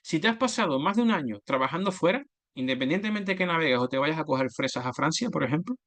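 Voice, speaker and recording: A man's voice: fairly high pitch, lively intonation, quick pace, a bit bright. A man giving an explanatory slide presentation, methodically listing points and correcting himself mid-word. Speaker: oil and gas business development manager giving a talk.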